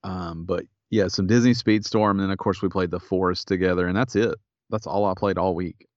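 Low-voiced guy chatting on a podcast, kinda sleepy and laid-back, muffled dry audio. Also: steady tone, a little mellow, no echo. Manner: laid-back, unhurried, a bit tired. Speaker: podcast co-host. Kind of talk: casual chat.

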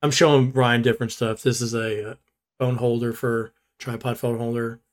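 A man's voice: medium pitch, little pitch movement, normal speed. A man co-hosting a podcast, chatting casually in a rambling, easygoing way. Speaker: podcast co-host. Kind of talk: casual chat.

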